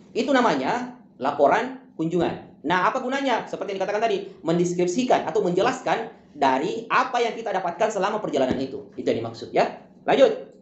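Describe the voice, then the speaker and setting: A tutor talks quickly through a school lesson, building each point with everyday examples and looping back to the same wrap-up phrases. The sound is roomy and a little muffled, like a lo-fi recording in an echoing room. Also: mid-range voice. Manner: explains step by step with many examples; often repeats closing phrases.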